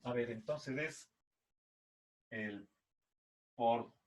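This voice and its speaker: Slow, patient Latin teacher, a man. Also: mid-range voice, darkish tone. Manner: patient, repeats a questioning "¿sí?" after each point; drills verb forms slowly, syllable by syllable. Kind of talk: slow classroom explanation.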